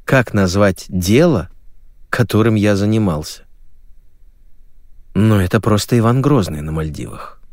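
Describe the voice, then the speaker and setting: A man narrating an audiobook in a lively, ironic storytelling manner on a close studio mic. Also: lowish voice, a little slow, pauses often, dry recording. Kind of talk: scripted narration.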